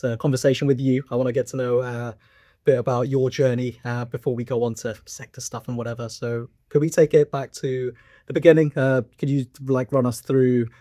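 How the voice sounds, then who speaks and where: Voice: mid-range voice, dark tone, dry recording, studio quality. A podcast host who works as a recruiter, asking questions in a friendly, casual way and often stumbling over the words. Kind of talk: podcast interview.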